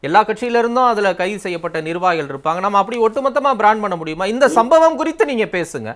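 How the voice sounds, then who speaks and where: Fast-talking guy hosting a tv debate, higher voice, keeps challenging the panel. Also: lively intonation, a bit bright. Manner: challenging, interjects with questions. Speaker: TV debate anchor. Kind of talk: moderating a TV debate.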